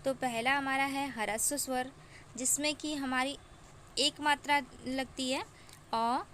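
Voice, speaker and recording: Slow, high-voiced woman teaching grammar. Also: level tone, bright, forceful tone, a little hiss or hum. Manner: slow, deliberate, drawing out each example. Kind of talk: exam-prep grammar lesson.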